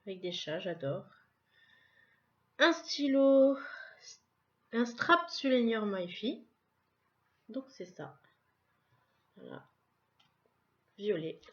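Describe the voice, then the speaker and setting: Slow-talking woman unboxing cute items. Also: mid-range voice, lively intonation, fairly bright tone, muffled recording. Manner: slow, chatty, describing items one by one. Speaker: vlogger unboxing a subscription box. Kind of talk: casual unboxing vlog.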